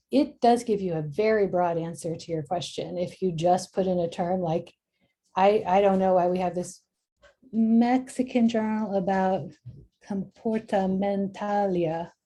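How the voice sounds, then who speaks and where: A middle-aged woman, a journal editor, giving a relaxed screen-share tutorial and thinking aloud with frequent ums. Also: mid-range voice, breathy edge.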